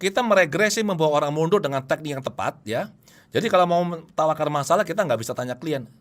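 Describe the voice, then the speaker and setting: This is a middle-aged man giving a lecture on therapy technique, his voice sitting a little high. He is animated, with a pitch that rises and falls sharply as he slips into the voices of his clients. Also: fast. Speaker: hypnotherapy instructor. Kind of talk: lecture presentation.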